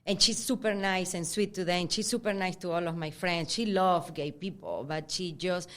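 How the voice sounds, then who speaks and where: Venezuelan woman telling lively stories. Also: on the low side, moderate pace. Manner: animated storyteller acting out quotes, laughing often. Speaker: guest. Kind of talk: casual chat.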